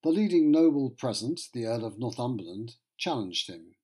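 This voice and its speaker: A man's voice: mid-range voice, sing-song, moderate pace, warm tone, husky. A man narrating history from a script, in a wry, conversational storytelling manner with joking asides.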